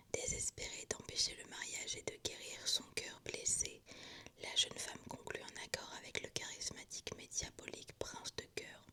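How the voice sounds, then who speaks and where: A woman speaks entirely in a soft, breathy ASMR whisper, the hushed library kind. She presents books like a vlogger, with no full voice behind the words. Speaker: book vlogger presenting a reading list.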